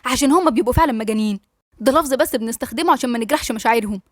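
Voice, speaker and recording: A woman's voice: a little high, very fast, no echo, studio quality, lightly acted. A woman with an Egyptian accent reading a bitter, sarcastic female doctor who is held as a patient. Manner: sarcastic, defensive.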